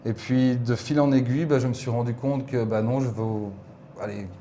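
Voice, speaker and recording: A Belgian man in his forties with a Belgian French accent chats casually and reflectively as an interview guest, laughing easily. His mid-range voice is warm, with fairly even intonation and a moderate pace, and there's slight background noise.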